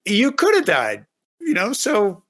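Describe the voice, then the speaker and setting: Bright, slightly high-voiced man reassuring. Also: wildly swooping pitch, takes it slowly, dry recording. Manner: brief supportive replies, reassuring. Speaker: podcast host. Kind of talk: casual chat.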